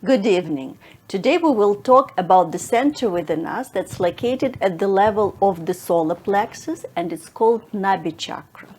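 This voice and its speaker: Gentle woman teaching meditation. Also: mid-range voice, animated, moderate pace, hardly any pauses, husky. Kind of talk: explanatory meditation talk.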